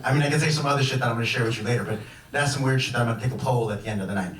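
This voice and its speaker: With a crowd audible behind him, a young man from Chicago races through a rambling stand-up set, restarting frequently, on a comedy club stage as people laugh. His pitch is medium, and the echoey room is recorded from far away.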